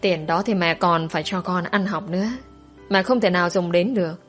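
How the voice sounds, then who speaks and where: A woman voicing an ill, tired mother who speaks in a gentle, resigned way. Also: lowish voice, a little fast, faint music behind, natural voice. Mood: weary.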